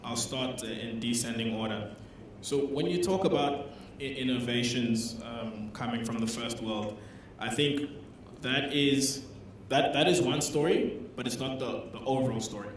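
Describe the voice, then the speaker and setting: A man's voice: mid-range voice, unhurried, hardly any pauses. A young man in his twenties, earnestly making his case on a conference panel with rhetorical questions. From South Africa. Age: 20s. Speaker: youth representative panelist. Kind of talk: panel discussion answer. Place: conference hall. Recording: echoey hall mic from far off, some noise.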